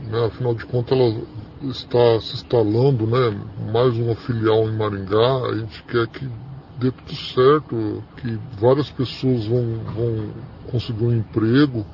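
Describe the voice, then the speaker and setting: A man's voice: medium pitch, steady tone, unhurried, gravelly, darkish tone, highs cut off, slight background noise. A man speaking through a voice distortion that hides his identity, talking hesitantly with repeated words and tag questions. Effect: voice distorted to hide identity. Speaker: listener caller. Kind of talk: casual chat.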